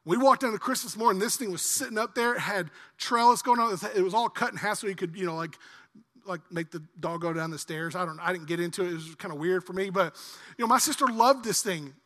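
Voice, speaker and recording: A male pastor preaching a sermon, animated, swinging from loud emphasis to quiet low asides. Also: quick pace, long reverb tail.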